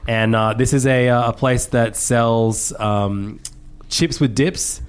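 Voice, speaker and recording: A man's voice: medium pitch, fairly even intonation, slow, clean tone. A man with an Australian accent hosting a food podcast in a casual, wry, joking chat. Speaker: podcast host.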